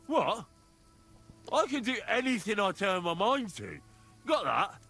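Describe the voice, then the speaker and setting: A cocky young hero in a video game, boastful and quick to swear. He speaks slowly in a bright, lively voice over faint music. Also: high voice, heavily acted. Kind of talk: game voice acting.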